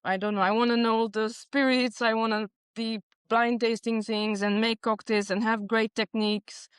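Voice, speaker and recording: A woman's voice: on the high side, flat delivery, normal speed, clean tone, dry recording. A woman in her forties from Transylvania, a Hungarian native speaker, talking earnestly and reflectively as a podcast guest. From Transylvania, Romania. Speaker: podcast guest, bar consultant. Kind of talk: casual interview chat.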